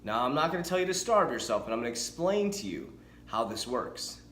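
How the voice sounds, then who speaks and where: In an echoey room with a little hiss or hum, a man in his forties who coaches fitness talks fairly quickly at medium pitch. His casual talking-head vlog is energetic and chatty, with frequent self-corrections.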